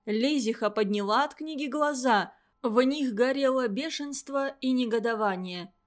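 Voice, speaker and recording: A woman's voice: fairly high pitch, moderate pace. A woman narrating a story as an audiobook reader.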